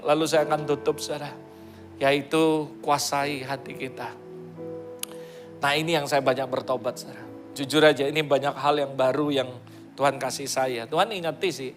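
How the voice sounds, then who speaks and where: A middle-aged pastor from Indonesia preaching with energy and often calling out to his congregation. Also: a little high. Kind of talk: sermon. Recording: sermon with music playing behind.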